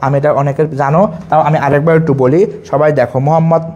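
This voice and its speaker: A man's voice: fairly high pitch, little pitch movement, fast, a little mellow, lo-fi sound. A young man teaching a live online chemistry lesson, drilling facts over and over and reading out the names of students who comment. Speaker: chemistry tutor.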